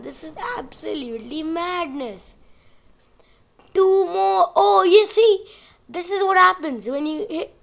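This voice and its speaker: A woman gives excitable, rambling commentary on a battle simulation game, easily amused and counting units out loud. Her voice is high, with vocal fry.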